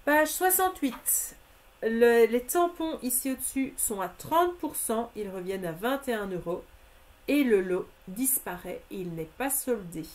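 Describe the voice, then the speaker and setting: Her voice sits on the high side as she presents handmade goods on a live broadcast. Prices and discounts are listed one by one, and she addresses her audience in a friendly, familiar way.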